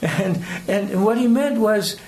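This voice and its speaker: A high-pitched, slightly mellow male voice belongs to an older preacher from the United States with an American accent. He takes his time through a conversational sermon, hesitant and rambling as he shares personal anecdotes and chuckles between phrases, over clearly audible background noise.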